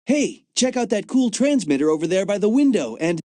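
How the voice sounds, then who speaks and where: A man's voice: sits high, sing-song, brisk, a little mellow, dry recording. A man voicing an upbeat young field agent in a video game, chatty and fond of jokes about gadgets and the cold. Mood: eager. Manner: chatty, jokey, enthusiastic. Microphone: dry studio mic.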